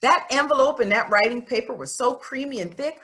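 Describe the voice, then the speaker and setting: Reading a storybook in first person, a woman voices an outspoken young schoolgirl with a bright, forward voice and lively swings in pitch. She speaks briskly, folksy and emphatic, earnest and a bit stubborn, sounding awed and pleased.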